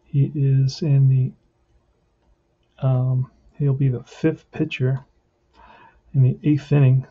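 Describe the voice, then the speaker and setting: A man's voice: mid-range voice, level tone, extremely slow, long pauses. A man giving casual play-by-play of a tabletop baseball game, thinking aloud as he plays. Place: indoors at a tabletop. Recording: muffled lo-fi, faint noise with clicks.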